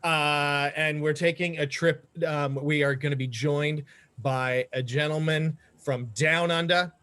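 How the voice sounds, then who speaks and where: A man co-hosts a casual podcast in a fairly high voice. He jokes and chats loosely, with many fillers and restarts along the way. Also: fairly even intonation, unhurried, bright, forceful tone, clear, resonant tone. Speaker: podcast co-host.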